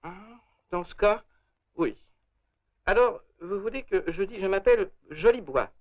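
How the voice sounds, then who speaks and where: A naive, flustered young fiancé in an old film: hesitant and stammering, with a very animated voice. The recording is muffled and lo-fi. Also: male voice, high voice, a little slow. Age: young adult. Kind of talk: 1930s French film acting. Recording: dull lo-fi old film soundtrack.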